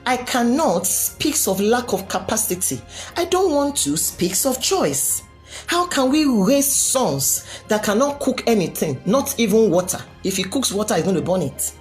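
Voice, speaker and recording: A woman's voice: medium pitch, big pitch swings, a little slow, soft background music. A woman giving an impassioned motivational talk to a live audience, speaking with an emphatic, repetitive preaching cadence and many rhetorical questions. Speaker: live-stream speaker greeting viewers.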